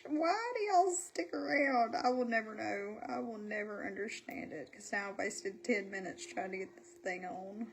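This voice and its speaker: A woman's voice: mid-range voice, moderate pace, vocal fry, few pauses, slight background noise. A woman with a Southern US accent and a stuffy, congested voice, chatting casually on a livestream in a folksy, self-deprecating way. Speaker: livestream host selling makeup. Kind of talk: casual livestream chat while doing makeup.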